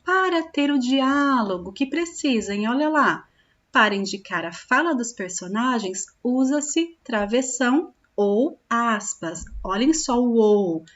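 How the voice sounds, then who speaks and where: A woman teaching young children, slowly drawing out syllables and often checking in with them. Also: fairly high pitch, lively intonation, muffled recording. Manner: slow, drawn-out sounding of syllables, with frequent check-in questions. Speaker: primary school teacher. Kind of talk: recorded classroom lesson for young children.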